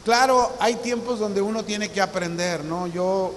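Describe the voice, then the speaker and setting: A man's voice: sits high, unhurried. A man around sixty, preaching a sermon as a visiting pastor in an earnest storytelling manner. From Mexico. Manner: earnest storytelling, acts out remembered dialogue. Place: church hall. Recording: reverberant hall with faint hiss.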